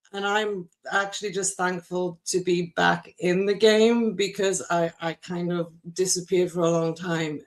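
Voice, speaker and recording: A woman artist talking about her cover art in a casual live-stream chat, rambling and emotional, often laughing. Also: fairly low pitch.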